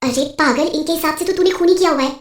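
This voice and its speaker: A woman voicing a bossy older female witch in a cartoon, scolding and brisk. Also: high-pitched, recorded from a distance, close to an everyday voice. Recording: roomy echo.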